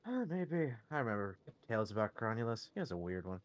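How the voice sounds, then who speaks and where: A man's voice: fairly low pitch, very animated, fast talker. A man playing a tabletop game, bantering in character in a wry, slightly formal way.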